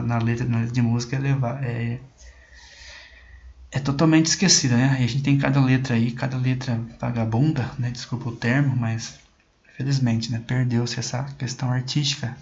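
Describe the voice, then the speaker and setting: A man's voice: mid-range voice, level tone, normal speed, gravelly, darkish tone. A male teacher explaining a poem in an online class, in a chatty way that often checks in with the students and repeats words while he thinks. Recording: dull lo-fi recording with faint noise.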